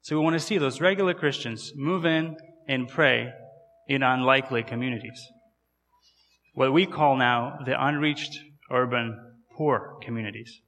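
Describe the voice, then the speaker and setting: This Kazakh man in his thirties speaks with his home accent as a visiting missionary, delivering a chatty church sermon and asking listeners questions. In a large hall, his mid-range voice moves at a moderate pace with a fairly bright tone.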